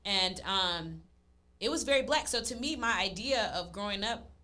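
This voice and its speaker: A woman's voice: medium pitch, expressive, normal speed, bright, forceful tone. A woman from Texas, co-hosting a casual podcast chat and talking freely with laughing asides. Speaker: podcast co-host.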